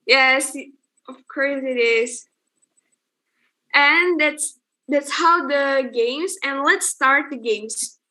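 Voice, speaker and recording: A woman's voice: sits high, extremely slow, pauses often, pushed and bright. A young woman hosting an online student event, calling on delegates one by one and encouraging them.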